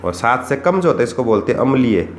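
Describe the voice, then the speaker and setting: This exam-focused chemistry lesson comes from a man who asks rhetorical questions and restates the key points. He speaks quickly in a mid-range voice that swings widely in pitch. It was recorded in an echoey room with faint noise.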